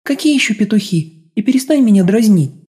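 Pouty young sweetheart, voiced by a male narrator, whiny and high, dark and husky tone. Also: expressive, a little fast. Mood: sleepy pouting. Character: playful sleepy young woman, pampered sweetheart.

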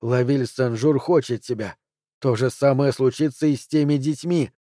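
Haunting spirit voice, slow and menacing, read by a man, dark and dry. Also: mid-range voice, fairly even intonation, no echo, close to an everyday voice. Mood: ominous. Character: sinister spirit voice inside a head.

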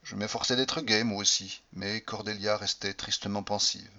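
Man, audiobook narrator, first-person novel, expressive, bright tone, muffled recording. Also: fairly low pitch, normal speed. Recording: slightly dull lo-fi recording.

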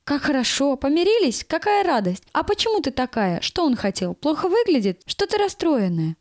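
A woman's voice: high voice, sing-song, moderate pace, a little mellow, no echo, studio quality, pitched above the performer's own voice. A woman voicing an older kindergarten staffer who coaxes, reasons and scolds by turns. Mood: coaxing. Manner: coaxing, reasoning, chiding.

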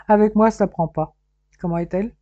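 A woman's voice: medium pitch, measured pace, dark tone, no room sound, voice pushed up, close to an everyday voice. A woman doing a nosy, teasing young brother. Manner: playful, pushy teasing. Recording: dull, muffled dry recording.

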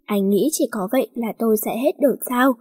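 A woman voicing a furious, heartbroken young woman who answers in sharp, bitter refusals. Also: fairly high pitch, fairly quick, husky. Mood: angry.

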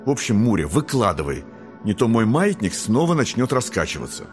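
A man voicing a young, rebellious and curious girl angel who talks in excited squeals. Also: on the low side, brisk, faint music behind. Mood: earnest.

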